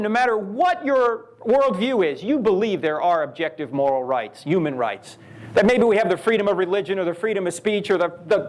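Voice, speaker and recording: Lively high-pitched man lecturing. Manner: animated, rhetorical questions and storytelling. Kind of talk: live lecture to a university audience. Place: university event hall.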